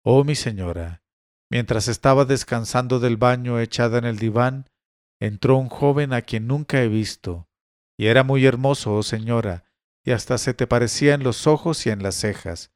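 A man's voice: mid-range voice, normal speed, a little mellow, smooth, no echo, close to an everyday voice. Meek young slave girl, as a man reading the story does her, dry and close. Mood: pleading. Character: young slave woman, devoted, submissive.

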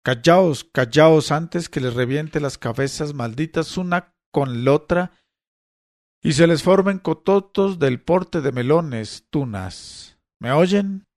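A man reading a story aloud, voicing a furious brother who shouts threats at a crowd. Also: on the high side, expressive, slow, voice pushed up.

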